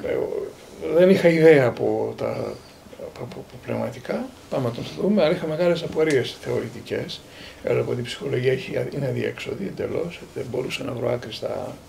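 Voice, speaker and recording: A man in his sixties from Greece, a priest and theologian, recounting personal memories as a lively storyteller who quotes others and often repeats words. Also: medium pitch, vocal fry, a little hiss or hum.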